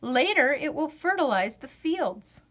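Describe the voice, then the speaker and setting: With a voice that sits high, a woman tells the story of a children's picture book aloud. Her phrasing is careful and expressive, and the refrains are drawn out.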